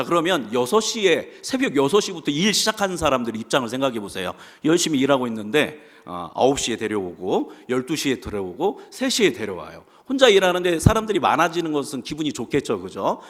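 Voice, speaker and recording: Male preacher, somewhat high and very animated, quizzing his flock and answering himself, church echo. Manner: asks the congregation questions and answers them himself. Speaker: pastor. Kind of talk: sermon. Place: church sanctuary. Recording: long reverb of a church hall.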